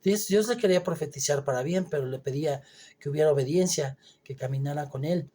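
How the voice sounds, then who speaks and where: A man preaching a Bible teaching sermon, reading scripture aloud and then explaining it, often pausing with hesitant fillers. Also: fairly high pitch, mellow, slightly rough.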